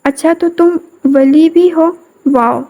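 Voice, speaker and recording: A rude, domineering young husband barks orders and mocks his new wife, as a woman narrator reads him in her own high voice. The tone stays mellow and soft-edged. He sounds commanding and scornful throughout this audio novel scene. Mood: mocking. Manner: bossy, mocking, commanding.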